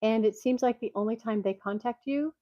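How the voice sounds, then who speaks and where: A woman's voice: fairly high pitch, a little fast, no room sound. An older woman chatting at home through a microphone on her glasses, congested and sounding tinny like a tin can, rambling and laughing often. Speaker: vlogger reading jokes. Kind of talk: casual chat. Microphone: microphone clipped to her glasses. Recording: dull lo-fi tinny recording, dry.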